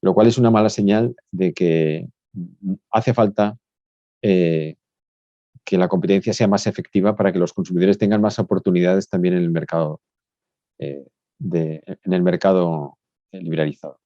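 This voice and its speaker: A man speaking as a university energy expert in a panel debate over a video call, measured and pausing with fillers. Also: sits low, steady tone, warm tone, dry recording. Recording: dull dry lo-fi call audio.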